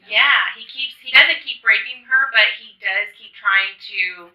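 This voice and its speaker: A woman author being interviewed at a writers' convention, explaining her books eagerly and quickly. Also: fairly high pitch, echoey room, distant mic, dull audio. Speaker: author guest. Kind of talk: casual interview chat. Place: convention venue.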